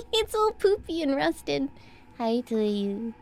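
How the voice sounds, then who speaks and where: Woman, scared horror game streamer, high voice, very lively swooping intonation, chatty, jumpy. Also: takes it slowly, slight background noise. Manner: jumpy, easily scared, gasping and exclaiming. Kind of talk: horror game livestream chat, reacting while playing.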